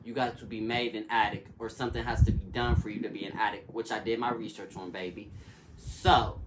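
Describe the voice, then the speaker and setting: Speaking briskly in a lowish, flat voice, a man in recovery discusses addiction as an interview guest. The talk is casual, yet he's earnest and emphatic, repeating himself like a preacher, and clicks and noise mar the audio.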